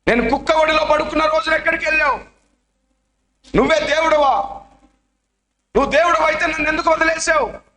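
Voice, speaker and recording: A man voicing an orphaned boy who sobs and shouts pleading questions at God during a sermon. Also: very high-pitched, steady tone, a little fast, long pauses, voice pushed up, full character voice. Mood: anguished, crying. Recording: echoey church hall.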